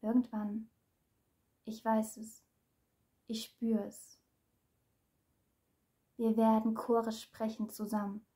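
A woman reciting her own dramatic spoken-word speech, slow and measured, sinking at times into a hush. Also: fairly high pitch.

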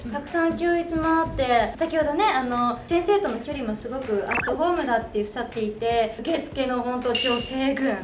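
A woman's voice: high-pitched, normal speed, hardly any pauses, noisy background. A young woman hosting a casual vlog tour of a school, bubbly, giggly and chatty. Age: young adult. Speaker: host. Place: school classroom, indoors. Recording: roomy classroom with background music.

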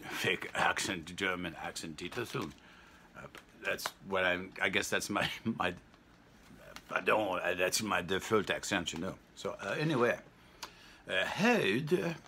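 Deep-voiced older man, rambling guitar vlog. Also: bright, forceful tone, a little hiss or hum. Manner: rambling, halting, chuckling between thoughts. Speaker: guitar channel host.

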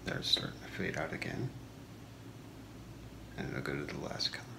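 A man in his thirties doing a whispered role-play as a shopping channel host, soft-spoken, with a slow, deliberate product pitch in a small room. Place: small home room, indoors. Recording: echoey room with clear background noise.

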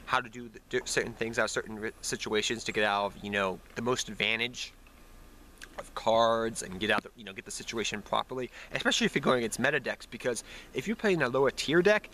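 This young man speaks in a mid-range voice at a quick pace, pushed and bright, with a little hiss or hum on the recording. Sounding nasal from a cold, he rambles to camera about card game strategy outdoors in snowy woods, correcting himself and calling his audience "guys." The built-in camera mic sits close, and cars and planes pass in the background.

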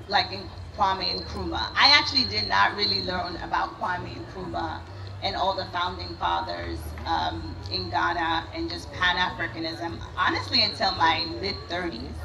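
Speaking through podium microphones at an outdoor ceremony, an organization's CEO from Sudan delivers a prepared public address from the event stage in an earnest, measured way. Her medium-pitched voice is creaky, bright, and forceful, and the audio is poor, with slight background noise.

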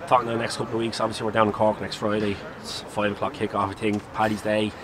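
A man's voice: fairly low pitch, level tone, fast. An Irish man interviewing a player after a match, asking chatty, rambling questions outdoors at a stadium at night. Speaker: club interviewer. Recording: outdoor traffic noise.

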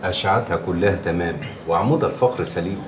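Actor as a calm Egyptian doctor. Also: male voice, deep voice, fast talker, roomy sound, far from the mic, noisy background, lightly acted. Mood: placating. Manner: soothing, placating. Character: calm, placating male hospital doctor.

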